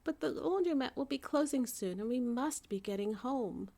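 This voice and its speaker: A woman voicing a reassuring, gently insistent mother in a children's storybook. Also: high-pitched, lively intonation, normal speed, pitched above the performer's own voice. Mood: firm, soothing. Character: reassuring but firm mother of a little girl.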